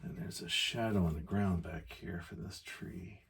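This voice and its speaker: A gentle male painting instructor with a low voice full of gravelly fry. His tone is very husky and breathy. He talks casually through his demonstration in short, unhurried phrases, pausing as he thinks aloud.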